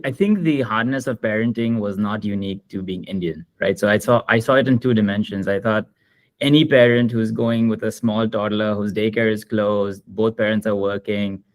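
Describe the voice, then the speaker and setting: A man with a lowish voice answering as a guest author on a video call, the sound close and dry. He thinks aloud, restarting phrases and tagging on a questioning "right?". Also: dry recording. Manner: reflective, repeats words as he thinks. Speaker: children's book author, panel guest. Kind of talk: panel discussion answer.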